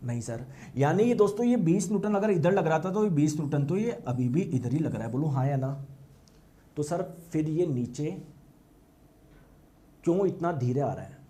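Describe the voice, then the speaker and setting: A man's voice: on the high side, expressive, normal speed, pauses often, warm tone. A male teacher giving a classroom lecture, often asking the class questions and acting out the students' replies.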